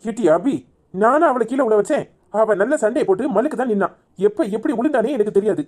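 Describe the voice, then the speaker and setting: Lady doing a grumpy cartoon dad, fast-talking, dark voice, defensive and argumentative. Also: a little high, close to an everyday voice. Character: defensive middle-aged father, gruff. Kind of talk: cartoon voice acting.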